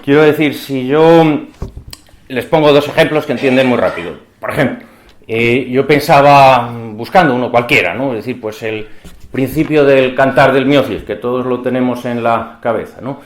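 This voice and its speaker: A man's voice: mid-range voice, moderate pace, roomy sound, a little hiss or hum. A man giving an academic conference lecture, talking in a discursive way and often asking the audience rhetorical questions.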